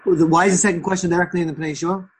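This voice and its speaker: A male student asking quick questions during a class. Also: sits high, steady tone, slight background noise. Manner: rapid questioning.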